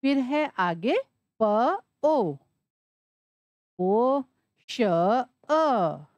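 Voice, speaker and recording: Slow, lively woman teacher, spelling aloud. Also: on the high side, no room sound, lo-fi sound. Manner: spells words out slowly letter by letter, asking and answering her own questions. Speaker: Sanskrit teacher. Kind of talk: classroom explanation.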